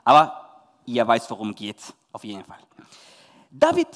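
A man from Chile with a Spanish accent, a youth pastor telling a Bible story to children and parents in lively, emphatic German. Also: mid-range voice, measured pace, big-room sound.

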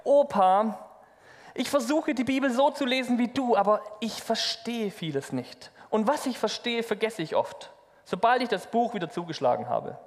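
A man's voice: very high voice, animated, moderate pace, voice pushed up. A man voicing a frustrated young boy in a hall. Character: frustrated young boy asking his grandpa. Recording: long hall reverb.

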